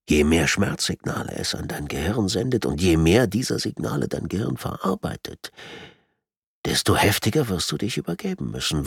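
A man with a raspy, creaky voice voicing a calm, sadistic torturer who speaks in a soft, menacing whisper. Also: fairly low pitch, no echo, studio quality, heavily acted. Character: calm sadistic male torturer posing as surgeon.

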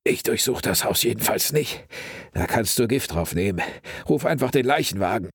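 A man's voice: on the low side, animated, normal speed, slightly rough, no room sound, pitched above the performer's own voice. A man voicing a sarcastic, squeamish male police officer who refuses tasks. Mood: grumbling.

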